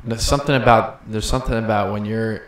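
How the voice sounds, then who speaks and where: Easygoing low-voiced man in a roomy echo. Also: steady tone, fast. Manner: easygoing storyteller, laughs as he talks. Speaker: podcast co-host. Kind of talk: casual chat. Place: room with a podcast table. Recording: roomy echo, faint ambient noise.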